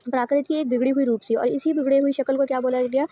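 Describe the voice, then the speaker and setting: A teacher with a high, warm voice and fairly even intonation gives an online lecture explaining course notes. She asks rhetorical questions, answers them herself, and restates each point in different words.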